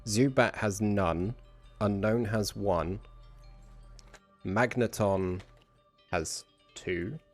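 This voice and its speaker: A man's voice: on the low side, very slow, long pauses, soft background music. A man streaming a video game, thinking aloud in casual commentary as he plays. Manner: thinking aloud, muttering to himself.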